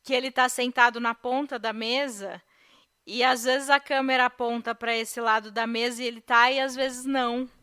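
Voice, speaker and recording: A woman's voice: a little high, fairly even intonation, moderate pace, bright, forceful tone, clear, resonant tone. A Brazilian woman, a podcast guest, casually discussing a film with hesitant fillers and restarts. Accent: Brazilian Portuguese.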